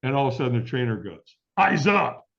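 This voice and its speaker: A man's voice: mid-range voice, racing, a little mellow. A middle-aged man as an interview guest, telling a story in a vivid way and acting out the quoted dialogue. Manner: vivid, acts out quoted dialogue, laughs often. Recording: dull lo-fi audio.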